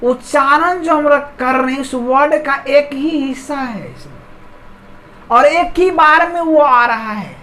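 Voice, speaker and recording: Slow high-voiced woman teaching. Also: animated, a bit bright, low-quality recording. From India. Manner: repeats key words slowly, asks the viewers questions. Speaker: English grammar teacher. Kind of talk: explaining a lesson.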